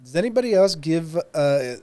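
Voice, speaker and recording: A man's voice: fairly high pitch, animated, normal speed, mellow. A man co-hosting a podcast in casual chat, rambling with many fillers. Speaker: podcast co-host.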